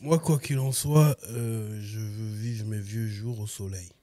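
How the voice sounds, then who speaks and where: A man's voice: lowish voice, steady tone, takes it slowly, mellow, no echo. A man in his forties talking loosely as a podcast guest, laid-back and slangy. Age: 40s. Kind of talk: casual interview chat.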